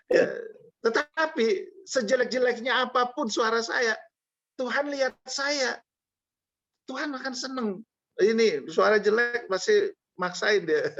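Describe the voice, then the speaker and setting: Conversational preacher, dull lo-fi sound. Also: male voice, extremely high pitch, a little slow, gravelly, pauses often, a bit bright. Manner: conversational, jokey asides to the congregation. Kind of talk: sermon.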